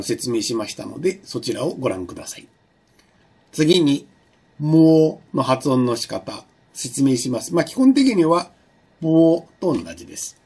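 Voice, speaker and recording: A male university lecturer giving a recorded online lesson, explaining patiently with many fillers and slowing down to demonstrate sounds. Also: a little high, darkish tone, breathy edge.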